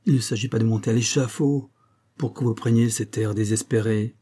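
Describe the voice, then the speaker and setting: Man voicing a self-assured, teasing young wife in a storybook; warm, husky tone, brisk and a little mocking. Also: fairly low pitch, steady tone.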